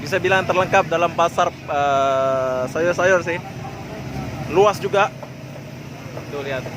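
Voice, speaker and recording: A man talking in a casual, chatty way as he hosts a walking market vlog, often addressing people like mates. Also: high voice. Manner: chatty and informal, often addressing listeners and vendors as boss or brother. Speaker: vlogger, host. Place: busy outdoor night market. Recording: very noisy outdoor street ambience. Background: loud vehicle and street noise.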